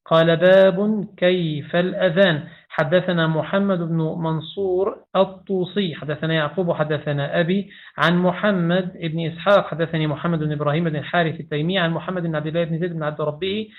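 Man, hadith reader, quick recitation, high voice, tinny phone-like recording. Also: steady tone. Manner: rapid reading, reciting narrator chains with small slips. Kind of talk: reading hadith text aloud.

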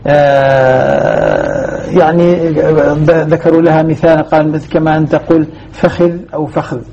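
A man's voice: fairly high pitch, sing-song, measured pace, creaky, dark tone. A man teaching a Quran recitation lesson, explaining step by step and quizzing his student. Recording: muffled lo-fi recording with faint noise.

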